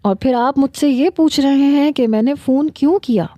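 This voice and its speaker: A giggly, teasing young bride-to-be, as a woman narrator puts her on in a storybook novel. She speaks higher than the narration in a very warm, mellow tone, recorded dry and close. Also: no echo, lightly acted. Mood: indignant.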